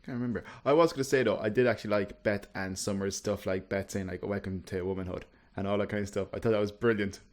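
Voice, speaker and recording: A man with a very deep voice chats casually on a podcast. He is blunt and a little sweary, and he softens his views with hedges like "kind of" and "maybe". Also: fairly even intonation, fast, hardly any pauses. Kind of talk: casual chat.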